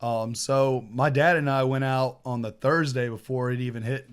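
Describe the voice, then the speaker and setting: A festival organizer talks as a guest on a casual interview show. This man has a middle-pitched voice and tells his story plainly and matter-of-factly. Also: fairly even intonation, normal speed, clean tone.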